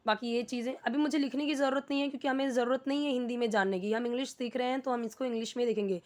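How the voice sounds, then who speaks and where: A woman teaching beginners. Her voice sits a little high, and she poses questions and then answers them herself. She speaks patiently and explains each step. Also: fairly even intonation, rapid-fire. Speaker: English teacher. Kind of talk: explaining a lesson.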